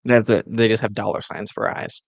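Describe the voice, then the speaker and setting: Podcast co-host, male, gravelly lower register, dry recording, eager fan-style movie pitch in casual talk. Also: steady tone, moderate pace, no echo.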